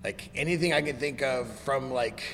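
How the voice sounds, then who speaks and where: A man with a slightly gravelly smoker's rasp chatting casually and informally about music. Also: mid-range voice, normal speed, a bit bright. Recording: reverberant room with background noise.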